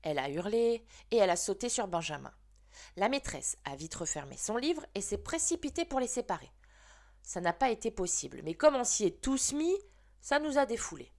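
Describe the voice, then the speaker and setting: A woman reads a children's book aloud and tells the story expressively. Her pitch moves lively and wide, in a mid-range voice. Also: normal speed. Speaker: reader.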